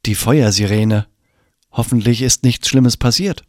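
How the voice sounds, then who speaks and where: A man's voice: mid-range voice, unhurried, no echo, studio quality, close to an everyday voice. A man voicing an eleven-year-old girl who scolds her friends indignantly. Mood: worried.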